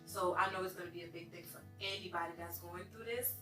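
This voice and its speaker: A young woman in her twenties answers earnestly in casual chat, with a bright, sharp tone and plenty of filler words. She sits back from the mic in an echoey salon, with faint music behind. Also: on the low side, steady tone, fast talker, distant mic. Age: 20s. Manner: earnest, talks in 'like' and 'you know' fillers. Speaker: guest, salon owner. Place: hair salon.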